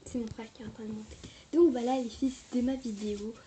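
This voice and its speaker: A woman chatting casually through a makeup review, hesitant and quick to apologize, recorded on a camera mic at home. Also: a little high, fairly even intonation, mellow, slight background noise. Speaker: beauty vlogger.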